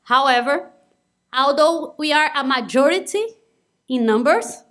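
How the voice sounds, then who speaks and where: This earnest conference talk comes from a young Brazilian woman speaking non-native English with a Brazilian Portuguese accent. Her high-pitched voice is expressive and a bit bright, and she takes her time.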